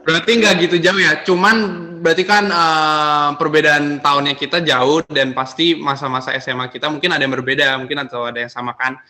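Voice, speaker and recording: A teenage boy hosting a school podcast in casual chat, relaxed and a little hesitant with fillers. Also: on the high side, a little fast. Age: teens. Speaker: student podcast host.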